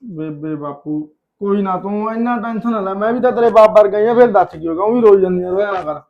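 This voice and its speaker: A quick, high-voiced Punjabi husband and brother, played by a man, gruff with his wife and soothing with his sister. The sound is dull and lo-fi. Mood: consoling. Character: harried husband and caring older brother. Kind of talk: comic family drama acting.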